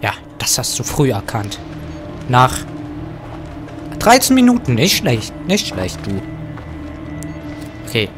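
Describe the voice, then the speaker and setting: A man plays a horror game and talks his way through it at an unhurried pace, cracking jokes as he goes. He drops to a whisper when things get tense and bursts out loudly when startled. Soft game music plays underneath. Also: medium pitch, big pitch swings. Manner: joking running self-talk, sudden loud outbursts. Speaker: let's play gamer. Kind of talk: casual gameplay commentary. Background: faint game music.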